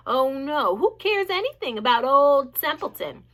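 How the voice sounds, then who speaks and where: A woman's voice: high-pitched, very animated, a little slow, a bit bright, pitched above the performer's own voice, heavily acted. A woman voicing a lazy, sarcastic male rat in a storybook reading, grumbling and mocking.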